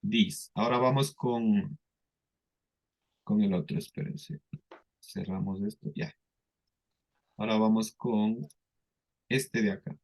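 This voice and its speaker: Unhurried male teacher on an online class, drills pronunciation patiently. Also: lowish voice, a little mellow. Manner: patient, repeats words slowly for students. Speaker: English teacher.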